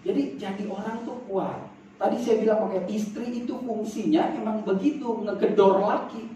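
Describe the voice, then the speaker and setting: High-voiced joking pastor in an echoey hall. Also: male voice, steady tone, moderate pace, mellow, a little hiss or hum. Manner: jokey, switching into Jakarta slang and acted quotes. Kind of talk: sermon. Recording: very echoey hall, distant mic, dull sound.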